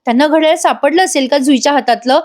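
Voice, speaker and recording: A fretful young wife speaks in a raised, pleading voice, anxious and urgent, as a woman narrator puts her on. Her lines lift higher than the narration. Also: fast talker, natural voice. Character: worried young wife searching for a kidnapped girl.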